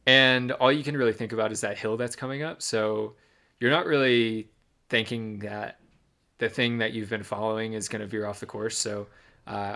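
A young man co-hosting a podcast, casually recounting a race he ran, with lots of ums and restarts. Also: fairly low pitch. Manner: relaxed storytelling with many ums and restarts. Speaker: podcast co-host, runner.

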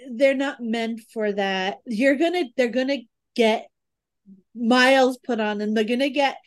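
A woman's voice: fairly high pitch, a little slow. A woman co-hosting a podcast in casual chat, teasing her partner and laughing often. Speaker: podcast co-host.

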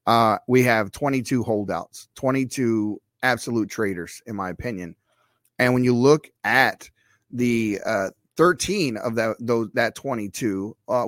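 A man's voice: mid-range voice, dry recording, clean studio sound. A man hosting a podcast, giving his opinions in an earnest conversational way. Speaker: podcast host. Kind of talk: interview conversation.

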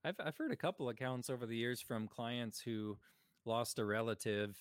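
A man's voice: medium pitch, normal speed, clean tone, no echo. A man co-hosting a paranormal podcast in casual chat, rambling with fillers and jokes. His voice sits in a middle range and is recorded close and dry. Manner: chatty, joking, with frequent fillers. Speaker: podcast co-host.

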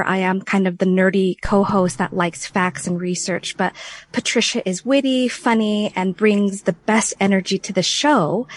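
A woman who is a podcast co-host on as a guest, speaking in a measured, earnest way about her show. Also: mid-range voice, darkish tone, slightly rough. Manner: earnest, measured, explains the show's mission.

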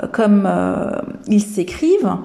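A woman hosting a podcast lesson, teaching English pronunciation and speaking slowly and hesitantly, with many fillers. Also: mid-range voice, expressive, gravelly, dark tone.

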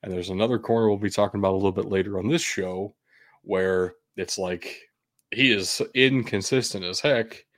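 Low-voiced man giving blunt sports opinions. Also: normal speed, fairly bright tone, dry recording, studio quality. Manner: opinionated, blunt, occasionally profane. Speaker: sports show host. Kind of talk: casual sports commentary.

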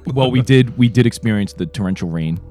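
A man's voice: medium pitch, fairly quick, faint music behind. A man with a cold and a nasal voice, co-hosting a podcast, ranting with lots of swearing. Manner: animated ranting, frequent swearing. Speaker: player and podcast co-host. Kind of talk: casual podcast banter.

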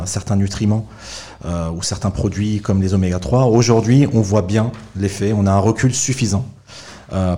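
Male podcast guest, low and mellow, sincere and steady with some hesitations. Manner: earnest, sets out his opinion with fillers. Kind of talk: podcast interview.

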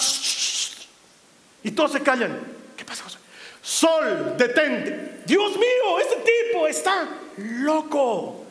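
A man preaching a sermon, telling stories with lively swings between loud exclamations and hushed, quiet passages. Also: very high voice. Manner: animated storytelling, swings from shouting to hushed. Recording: roomy hall reverb.

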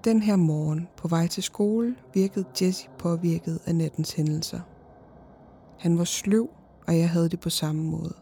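A woman narrating a horror story in the first person, in a slow, hushed and often whispered voice. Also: lowish voice, steady tone, slight background noise.

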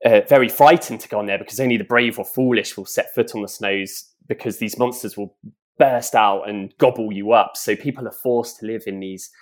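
Animated man, author reading aloud. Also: lowish voice. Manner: animated, laughs often, dramatic when reading aloud. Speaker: children's author. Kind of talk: podcast interview and book reading.

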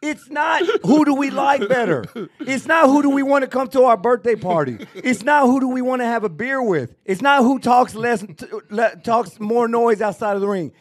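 A man's voice: very high-pitched, moderate pace. A man with a Texas accent, co-hosting a casual boxing talk show and arguing emphatically. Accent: Texan. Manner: emphatic, repetitive, ranting. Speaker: podcast co-host. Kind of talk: casual sports debate.

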